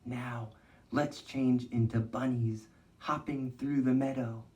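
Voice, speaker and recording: Slow and mellow, with a mid-range voice and fairly even intonation, a male educator conducts an interactive storytime for young children. He uses simple guiding phrases and questions and prompts them to move along with the reading.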